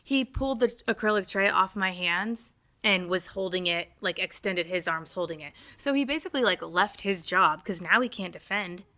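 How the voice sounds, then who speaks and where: A woman's voice: fairly low pitch, expressive, moderate pace, pushed and bright. A young woman co-hosting a podcast, telling stories in casual chat, laughing often and swearing freely. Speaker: podcast co-host.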